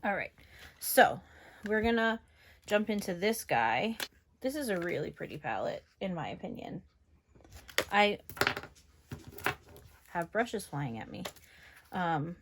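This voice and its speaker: A young beauty vlogger from New York, USA, with a general northeastern American accent, chats casually while testing makeup on camera. Her mid-range voice carries a little hiss or hum, and she rambles with lots of fillers.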